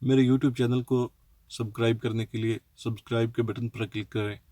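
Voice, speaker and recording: A channel host teaching language in a casual home-made tutorial spells out each letter patiently, leaning on fillers and restarts. His mid-range voice has a dark tone, a level delivery and a normal speed.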